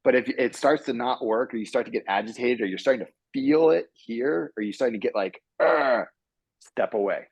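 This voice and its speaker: A man, a software engineer, giving earnest advice to students on a panel and acting out his own thoughts as he goes. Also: mid-range voice, fairly quick, few pauses, husky, no echo. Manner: earnest, animated, acts out his own inner voice.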